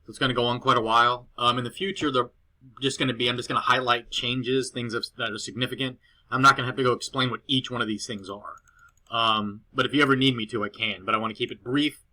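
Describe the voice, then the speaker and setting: Speaking quickly in a steady, sharp mid-range voice, a man presents a client report as an SEO consultant. It's a loose screen-recorded walkthrough with some rambling, fillers and restarts, captured on a cheap laptop indoors at his girlfriend's home.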